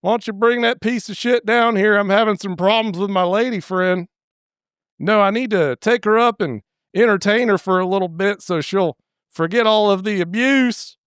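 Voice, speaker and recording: A man's voice: sits high, moderate pace, fairly bright tone, clean tone, dry recording, clean studio sound, voice pushed up. A man putting on a brash, pushy rich guy. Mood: bossy. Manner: brash, crude, wheedling. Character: pushy rich young man, bossy and smug.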